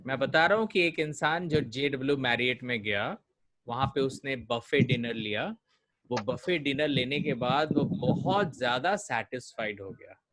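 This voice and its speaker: A man leads a vocabulary class at a very unhurried pace. He sounds out each word several times so students can copy the stress. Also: medium pitch, animated, fairly bright tone. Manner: slow, drills pronunciation by repeating words. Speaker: communication coach.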